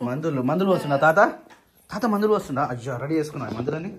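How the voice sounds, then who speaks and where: Woman, lowish voice, animated, coaxing and scolding, casual home vlog, phone-camera sound. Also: rapid-fire. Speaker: village vlogger. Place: village home, indoors.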